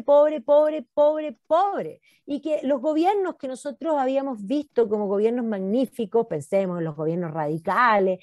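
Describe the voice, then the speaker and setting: A woman's voice: a little high, darkish tone, no echo, studio quality. Emphatic Chilean woman historian. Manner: emphatic, insistent, repeats for effect. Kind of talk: animated talk.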